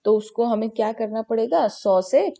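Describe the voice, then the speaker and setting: A woman's voice: fairly high pitch, moderate pace, creaky, warm tone. Woman teaching a maths class. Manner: repeats "ठीक है" often, mixes Hindi and English, asks and answers her own questions. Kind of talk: online class lesson. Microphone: video call.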